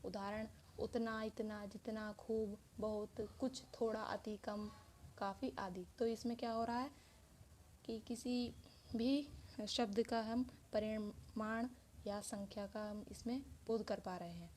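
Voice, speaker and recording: Female teacher, mellow voice, patient step-by-step explaining, faint room hum. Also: mid-range voice, fairly even intonation, takes it slowly. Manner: explains step by step with many examples. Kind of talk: Hindi grammar lesson.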